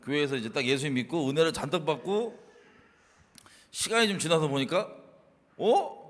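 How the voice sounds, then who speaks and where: A man in casual faith talk, animated and laughing, acting out his past self scolding others. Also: fairly high pitch, normal speed, big-room sound. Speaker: co-host.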